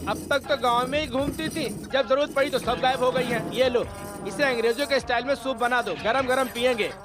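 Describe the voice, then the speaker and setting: Sly flirty village uncle, chatty and teasing, movie dub voice. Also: male voice, extremely high pitch, steady tone, brisk, music in the background. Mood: coaxing. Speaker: older village man courting a widow. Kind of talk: Hindi film dub.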